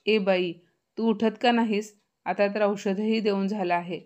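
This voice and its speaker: A woman's voice: fairly low pitch, fairly even intonation, normal speed, a little mellow, lo-fi sound, close to an everyday voice. A woman voicing an angry husband who scolds and gives orders in a raised voice. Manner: harsh, scolding. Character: angry shouting husband, middle-aged man.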